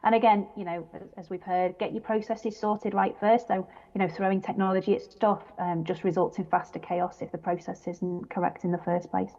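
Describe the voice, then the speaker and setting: A woman's voice: on the low side, flat delivery, brisk, few pauses, warm tone. A woman speaking on a legal panel in a loose, conversational way, leaning on fillers like "kind of" and "you know". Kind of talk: panel discussion. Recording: muffled reverberant conference hall.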